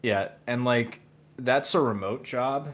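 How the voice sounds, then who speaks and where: A male guest musician in casual interview chat, hesitant with many fillers and restarts, with dry, low-key humor. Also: takes it slowly.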